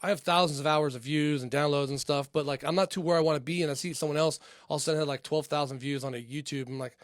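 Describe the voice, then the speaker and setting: A man's voice: fairly high pitch, fairly even intonation, quick pace, no echo. A man hosting a comedy podcast, talking in a loose, rambling way and swearing freely. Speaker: podcast host. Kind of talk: casual chat. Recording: dry close studio mic.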